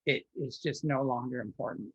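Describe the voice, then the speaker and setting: As an interview guest, a man spins long personal stories, rambling, looping back, restarting sentences and using many fillers. His husky voice is at an ordinary pitch and runs a little fast, recorded dull and lo-fi with no room echo.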